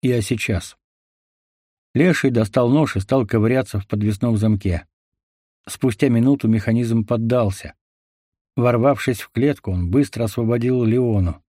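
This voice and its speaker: A male narrator reading a dark action adventure audiobook, steady and measured. His voice sits in an ordinary middle register. The recording is dry and close, with no room sound. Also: mid-range voice, no room sound.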